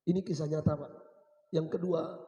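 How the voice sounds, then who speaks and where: A man delivers a sermon, pressing his congregation with the same rhetorical question again and again. His voice sits high but sounds dark and mellow. A long reverb trails behind every line in the big mosque hall. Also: fairly even intonation, normal speed, dull audio. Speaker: preacher.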